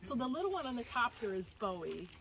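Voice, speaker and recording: A woman's voice: on the high side, very animated, fast talker, creaky, fairly bright tone. A woman giving an informal, explanatory tour talk to a group, as a guide at a wildlife sanctuary. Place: outdoors among animal enclosures. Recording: very noisy outdoor tour recording.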